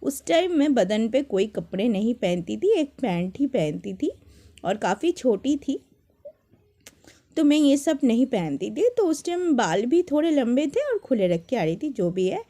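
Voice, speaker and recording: Young woman, casual storytelling to viewers, animated, restarts sentences, warm tone. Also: a little high, a little slow. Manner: animated, dramatic retelling with many restarts.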